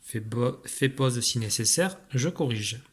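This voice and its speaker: Slowly articulating every sound, a patient male teacher delivers a recorded spelling dictation clearly, his mid-range voice expressive.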